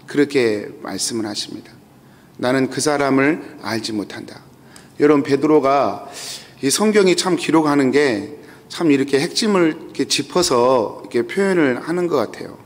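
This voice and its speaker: At a dawn sermon in the church sanctuary, the pastor walks through the scripture scene step by step and repeats key phrases for emphasis. His voice is medium-pitched with lively intonation and a slightly fast pace, carried by the long reverb of the hall.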